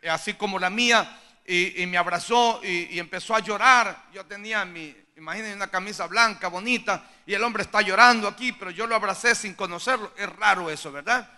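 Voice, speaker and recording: A middle-aged man preaching a sermon as pastor, impassioned, moving from hushed storytelling to shouted appeals. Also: sits high, a little fast.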